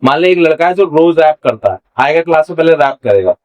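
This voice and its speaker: A man's voice: a little high, expressive, fast, a little mellow, low-quality recording. A young man teaching a casual vocabulary lesson, quizzing and teasing his student in a playful way.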